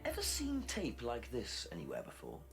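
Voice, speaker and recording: A calm, probing police detective in a live-action video game. His voice rises and falls widely as he corners suspects with measured, pointed questions. His pitch sits in the middle range. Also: vocal fry, over music.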